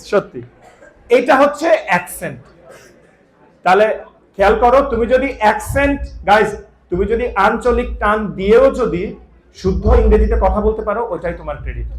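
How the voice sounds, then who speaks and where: Man, Bangladeshi Bengali accent, teacher in a classroom, animated and playful, high-pitched. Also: rough recording. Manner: animated, teasing, calls on students by name. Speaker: English teacher. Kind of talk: lively classroom talk to students. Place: college classroom.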